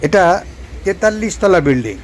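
A man's voice: high-pitched, very animated, a little fast, slight background noise. A man narrating a local train journey as a travel vlogger, pointing out sights along the route. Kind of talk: calm guided narration over train footage.

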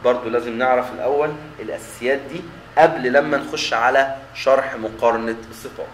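A man's voice: mid-range voice, fairly even intonation, fast talker. A man with an Egyptian Arabic accent teaching an English lesson, repeating example words and checking in with the listener as he explains. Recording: echoey room, faint background noise.

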